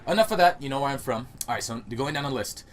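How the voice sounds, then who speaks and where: This is a young adult man from the United States, the host of a YouTube gaming channel, doing a casual Q&A at home in a rambling, laughing way. He talks fast and animated at medium pitch, with slight background noise.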